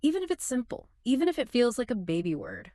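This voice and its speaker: A woman co-hosting a scripted conversational chat, reacting in an expressive, self-deprecating way. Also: a little high, fast talker, no echo, studio quality. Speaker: co-host.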